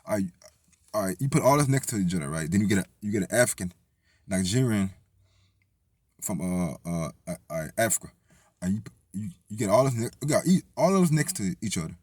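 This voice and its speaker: A man's voice: fairly low pitch, animated, brisk, a little mellow, breathy edge, no room sound, clean studio sound. A man from Tennessee, talking in a rambling, profane casual monologue full of restarts. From Tennessee, USA. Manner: rambling, profane, lots of restarts and "you feel me". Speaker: vlogger.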